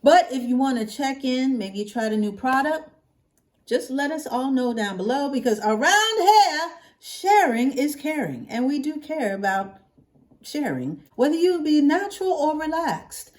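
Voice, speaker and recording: A woman hosts her own hair vlog, chatting casually to her viewers and playfully drawing out catchphrases for emphasis. Her voice is high and very animated, unhurried, with a darkish tone.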